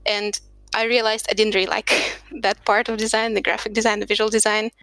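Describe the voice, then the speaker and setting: A podcast guest from Russia, a product designer, chats reflectively about her career with light laughter, seated at a home desk among books. She speaks fairly quickly in a medium-pitched, level, slightly bright voice. The dry recording has poor audio.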